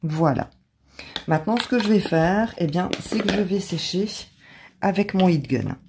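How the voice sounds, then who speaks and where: A woman with an accent of her own in French, calmly talking through a craft tutorial step by step as the channel's host. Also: fairly low pitch, measured pace, noisy background. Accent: non-native or regional French accent. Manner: calm step-by-step explaining.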